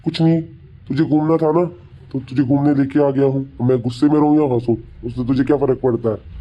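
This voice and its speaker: A man's voice: medium pitch, fairly even intonation, brisk, muffled recording, close to an everyday voice. A young man playing a long-suffering husband in a comic family skit, muttering asides to himself. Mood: gruff. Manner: grumbling asides.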